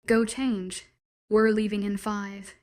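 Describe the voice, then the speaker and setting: Woman doing an angry bossy young guy in an audiobook, short clipped orders, mid pitch. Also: little pitch movement, slow pace, a little mellow, natural voice. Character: angry, commanding young man, protective and forceful.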